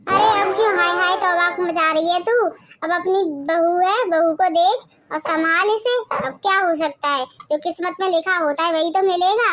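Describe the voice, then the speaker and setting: A woman's voice: extremely high pitch, moderate pace, fairly bright tone. A woman voicing a blunt, teasing neighbor woman in a cartoon story.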